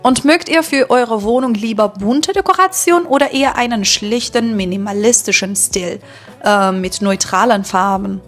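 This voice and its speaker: A woman from Iran, a German teacher, narrating a vlog for learners in a slow, deliberate way with some filler sounds. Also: on the high side, faint music behind.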